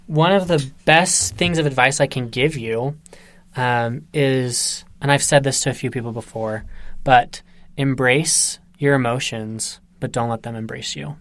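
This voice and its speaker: A man's voice: mid-range voice, a little slow, a bit bright, dry recording. Earnest man giving emphatic advice. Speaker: podcast co-host. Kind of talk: casual chat.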